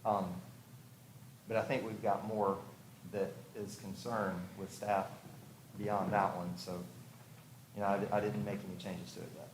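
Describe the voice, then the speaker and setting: A man with a lowish, flat voice speaks a little slowly and pauses often. He's a house designer presenting to a review commission at a public hearing, explaining informally and conversationally as he thinks aloud. The room is echoey, and background noise is clearly audible.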